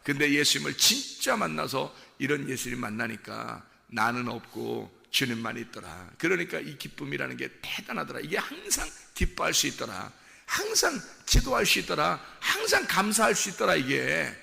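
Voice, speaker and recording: A male pastor preaching in a church sanctuary with a long hall reverb around him. His voice is high, gravelly and sharply bright, and it swings from hushed asides to impassioned, sing-song shouts. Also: huge pitch swings, moderate pace. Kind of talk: sermon.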